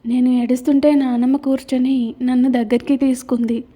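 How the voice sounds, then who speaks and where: A woman's voice: high-pitched, flat delivery, moderate pace, dark tone, breathy edge. A woman narrating her own romance audio novel in the first person, reading in an emotional storytelling manner. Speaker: writer and narrator.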